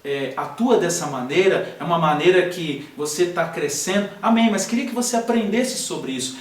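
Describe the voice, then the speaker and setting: Lively high-voiced preaching man, echoey. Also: recorded from a distance. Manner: conversational, direct address to listener. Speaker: pastor teaching a healing school. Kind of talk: sermon-style teaching.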